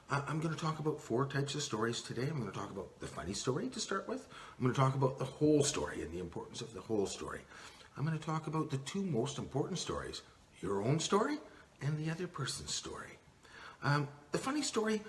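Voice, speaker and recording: A man's voice: on the high side, a little hiss or hum. A man teaching communication skills in a casual, earnest talk, with frequent restarts. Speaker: communication coach and mediator. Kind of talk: talking-head teaching video.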